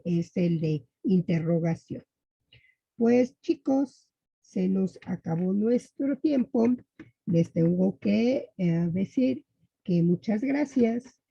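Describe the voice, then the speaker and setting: A Mexican woman teaching a class, her voice low-toned and gravelly with a husky edge. She speaks slowly and haltingly, stopping to restart her sentences often. The recording sounds dull and lo-fi with a dry, close feel. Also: mellow, dry recording. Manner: halting, many fillers and restarts. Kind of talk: online class lesson.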